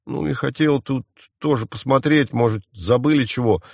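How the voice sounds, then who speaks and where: A man's voice: mid-range voice, gravelly, darkish tone, no room sound, clean studio sound. A man reading an audiobook voices a frightened, defiant boy thief who whines and snaps back. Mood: wary. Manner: squabbling, whining, quick to snap back. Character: scrappy scared boy thief, defiant and whiny.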